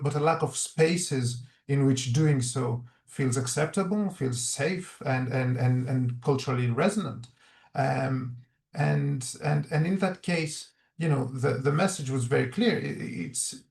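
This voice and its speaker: A man's voice: a little high, vocal fry, darkish tone, roomy sound. A man presenting research findings in a webinar, earnest and reflective, often restarting his sentences.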